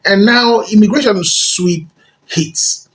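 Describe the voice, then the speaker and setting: A narrator reading a scripted commentary segment in a measured way. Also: mid-range voice, a bit bright.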